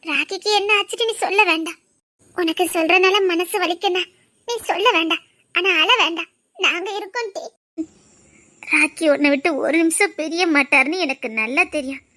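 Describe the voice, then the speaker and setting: A woman's voice: very high-pitched, normal speed, bright, forceful tone, no room sound, studio quality. A woman acting in a family drama, speaking in an emotional, comforting way. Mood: consoling. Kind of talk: Tamil serial drama acting.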